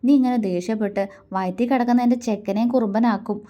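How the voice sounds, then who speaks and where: A woman's voice: a little high, fairly even intonation, fast, muffled recording, natural voice. A woman storyteller voicing an affectionate, teasing young husband in a playful, coaxing way.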